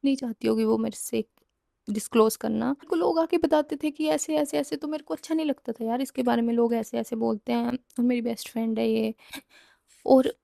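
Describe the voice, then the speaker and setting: A young woman recounts a personal story in a loose, rambling way, often circling back and fixing her own words. Her fairly high voice stays level and carries a gravelly, mellow edge. The sound is close and dry. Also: no echo. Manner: rambling, repeats and corrects herself mid-sentence. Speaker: storytime vlogger.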